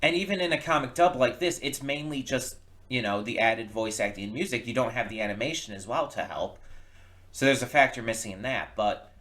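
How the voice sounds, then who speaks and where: Speaking in a mid-range, fairly bright voice, this man hosts reaction videos and shares offhand opinions. He talks haltingly, frequently starting his words over.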